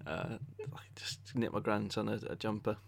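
A man's voice: on the low side, normal speed, creaky. A man hosting a podcast in a casual, jokey, rambling and hesitant way. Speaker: podcast host. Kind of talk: casual chat interview.

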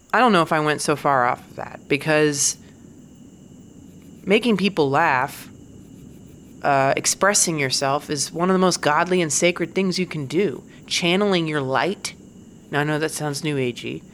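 A woman's voice: low voice, slight background noise. Candid, profane woman comedian. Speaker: stand-up comedian. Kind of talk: casual monologue.

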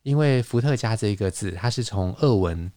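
Male podcast host, lowish voice, patient lecturer, dry close sound. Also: expressive, a little fast, mellow, dry recording. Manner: explanatory, lecturing with fillers and restarts. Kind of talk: casual conversational podcast.

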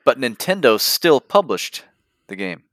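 A man's voice: mid-range voice, sing-song, a little slow, fairly bright tone, no room sound, studio quality. A man co-hosting a casual gaming podcast, eager and building up to a story of his own.

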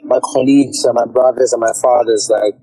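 A man from Ghana, a dancehall artist, answering interview questions in a relaxed, agreeable way. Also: medium pitch, fairly quick, poor audio. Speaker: reggae dancehall artist, guest. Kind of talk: casual interview chat.

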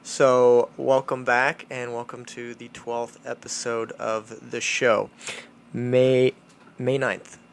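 A man hosting a podcast with casual commentary, halting and rephrasing as he goes. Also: medium pitch, level tone, gravelly, slight background noise. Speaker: podcast host.

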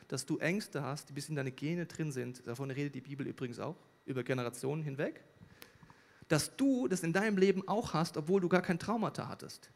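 A man preaching a sermon in an animated way, with loud bursts when he acts out quoted voices. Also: a little high, gravelly. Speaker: pastor. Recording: long hall reverb.

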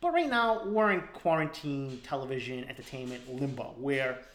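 A man's voice: medium pitch, animated, moderate pace, fairly bright tone. Laughing man rambling on a podcast. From East Boston. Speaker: podcast host. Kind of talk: casual podcast chat. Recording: roomy echo.

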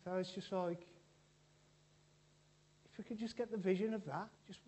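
A man delivers a loose, conversational sermon, joking with the congregation and stumbling through restarts. His voice sits a little high for a man but sounds mellow and warm. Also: steady tone, moderate pace. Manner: chatty and joking, with frequent restarts. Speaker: preacher. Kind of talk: informal church sermon.

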